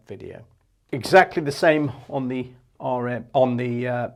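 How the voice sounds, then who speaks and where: Wearing a lapel mic, a man in his fifties gives an impromptu product demo on behalf of a marine equipment shop. His mid-range voice carries vocal fry and a slightly mellow tone, and he keeps his explanations straightforward.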